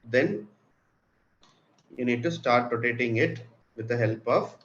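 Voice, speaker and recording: Speaking a little slowly in a mid-range, slightly bright voice, an Indian-accented man gives children a step-by-step craft tutorial. He explains simply and patiently, pausing to confirm they can follow. It's a muffled recording with noticeable room noise.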